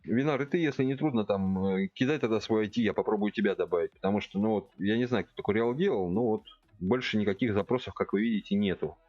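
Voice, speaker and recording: Fast and low-pitched with a slightly mellow tone, a game streamer in his forties talks casually with his chat while playing at his home computer, voicing his thoughts as he goes. The recording is dry and lo-fi.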